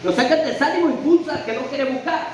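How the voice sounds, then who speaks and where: A man's voice: extremely high pitch, quick pace. A man preaching a sermon, emphatic and full of rhetorical questions and a repeated refrain. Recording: very echoey church hall, faint noise.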